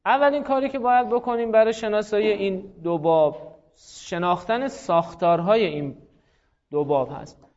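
Man, teacher, high voice, patient step-by-step explaining, dull lo-fi classroom recording. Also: darkish tone. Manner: explains step by step, repeats forms slowly, quizzes students by name. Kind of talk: classroom grammar lesson.

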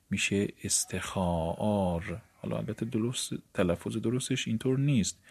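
A man's voice: low voice, mellow, husky. A man giving a methodical lecture on grammar rules to fellow seminary students, walking through each step of a rule. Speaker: teacher of Arabic morphology.

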